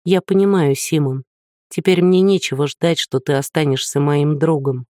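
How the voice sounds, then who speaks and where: A man's voice: a little high, fairly even intonation, normal speed, mellow, no echo, clean studio sound, natural voice. A man voicing a shy but stubborn young woman in a storybook reading, speaking timidly and earnestly.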